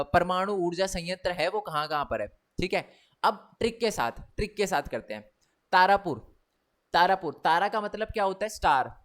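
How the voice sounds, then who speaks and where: A young male teacher gives a chatty exam revision lesson, speaking in. His voice sits high for a man, and he keeps asking the students whether they follow. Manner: chatty, repeats tag questions.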